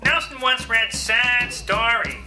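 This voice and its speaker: Parrot puppet: high, slow, swoopy squawk, cheeky mimic for a kids' comedy act, music behind. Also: male voice, fairly even intonation. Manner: squawky mimicking, broken third-person speech. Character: cheeky squawking parrot puppet, male, babyish and literal-minded. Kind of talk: comic puppet act for children.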